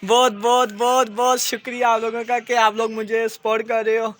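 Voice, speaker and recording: A man's voice: very high voice, little pitch movement, normal speed, a bit bright. A man chatting casually in a vlog outdoors by his pet cages, fondly scolding his birds as they eat. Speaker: pet-keeping vlogger. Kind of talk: casual vlog narration while feeding pets.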